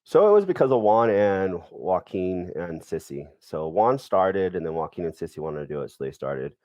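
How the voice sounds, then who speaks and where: A man's voice: sits low, big pitch swings, moderate pace, darkish tone, dry recording. A middle-aged man, a podcast guest, telling family stories in a laid-back, laughing way. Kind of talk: casual storytelling.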